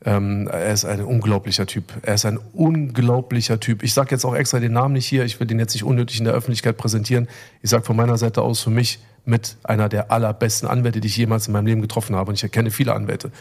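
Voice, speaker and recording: A man's voice: fairly low pitch, little pitch movement, fast. A middle-aged man telling a story in casual chat, rambling and emotional, with many fillers and restarts. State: recovering from illness. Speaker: podcast co-host.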